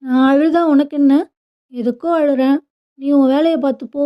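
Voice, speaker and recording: A woman's voice: sits high, fairly even intonation, moderate pace, close to an everyday voice. A woman storyteller voicing a young woman who is hurt, then curious and childlike. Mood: angry. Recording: dull lo-fi recording.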